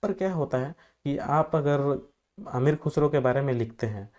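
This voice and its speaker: A man's voice: mid-range voice, animated, moderate pace, darkish tone. Chatty man giving an exam-prep lecture. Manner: loose conversational explaining with homely examples; filler-heavy, repeats "जो है" often. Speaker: teacher.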